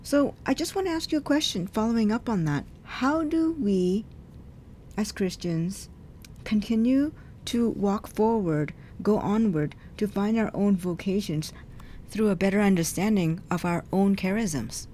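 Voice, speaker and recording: A woman hosting an interview, warm and affirming toward her guest. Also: mid-range voice, a little slow, slight background noise. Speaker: interview host. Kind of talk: interview conversation.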